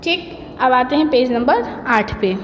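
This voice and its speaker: Slow, high-voiced woman teaching a class. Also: expressive, slight background noise. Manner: asks the class questions and answers them herself; drawn-out sounding of letters. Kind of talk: slow, patient Hindi grammar lesson. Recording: echoey room, long reverb.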